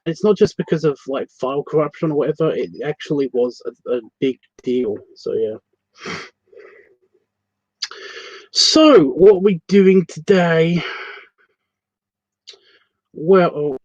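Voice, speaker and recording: Slow and expressive, with long pauses, a Scottish man's somewhat mellow, high-leaning voice carries a casual art tutorial he's livestreaming from his computer. He rambles, corrects himself and swears without fuss. The audio is dry, slightly muffled lo-fi with no room sound.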